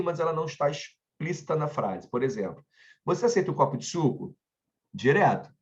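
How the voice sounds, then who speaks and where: With a fairly high-pitched voice and a Brazilian Portuguese accent, this man runs a relaxed online grammar class, regularly checking on his students and slipping into personal chit-chat. The high frequencies of the audio are cut off.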